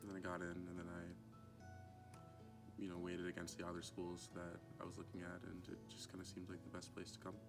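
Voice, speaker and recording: Young man, low monotone, easygoing and hesitant. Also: a little fast. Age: young adult. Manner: laid-back, many fillers. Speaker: acting student. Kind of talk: casual interview. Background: background music.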